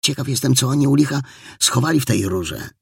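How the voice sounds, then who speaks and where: A man voicing a small, freckled, eager boy sleuth who talks in excitable, breathless bursts. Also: on the low side, fairly quick, vocal fry, slightly rough, no room sound, clean studio sound, exaggerated voice. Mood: wistful.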